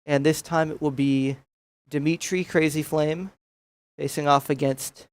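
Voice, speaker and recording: A man's voice: fairly high pitch, steady tone, a little slow, smooth. Matter-of-fact young man calling races. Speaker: esports play-by-play caster. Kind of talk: casual esports commentary.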